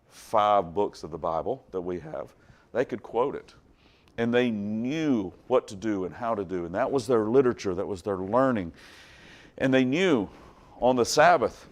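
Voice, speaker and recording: Folksy man teaching a Bible class. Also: fairly low pitch. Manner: folksy, chatty, with jokes and asides to the class; wide swings in loudness, from loud bursts to quiet stretches.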